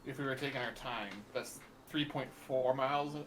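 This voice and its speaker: A man's voice: medium pitch, steady tone, normal speed, fairly bright tone, slight background noise. Male player at a tabletop game, middle register, casual conversational delivery. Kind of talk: casual chat.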